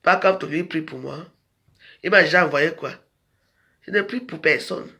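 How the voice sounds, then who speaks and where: Brief: high-pitched man, video rant, scolding and confrontational, rambling delivery. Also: measured pace, creaky, pushed and bright. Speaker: social media video maker. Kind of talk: ranting monologue to followers.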